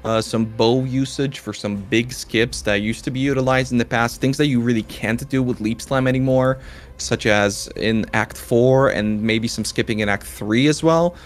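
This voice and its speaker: A man co-commentating an esports race, giving lively, upbeat play-by-play with some fillers. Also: mid-range voice, moderate pace.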